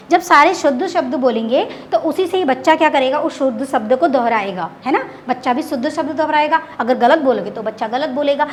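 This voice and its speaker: High-voiced woman teaching an online class. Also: slight background noise. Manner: explains in simple terms, repeats key words, asks and answers her own questions. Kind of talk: online exam-prep lecture.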